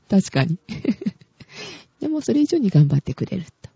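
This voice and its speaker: A woman's voice: medium pitch, wildly swooping pitch, slow pace, dark tone, husky, dry recording. A woman hosting a casual podcast chat, chatty and giggling often. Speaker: podcast host. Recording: dull, dry lo-fi recording.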